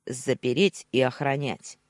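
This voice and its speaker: A woman voicing a ruthless older man, the husband's greedy uncle, who talks gruffly and barks orders. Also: very deep voice, measured pace, no room sound. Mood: commanding.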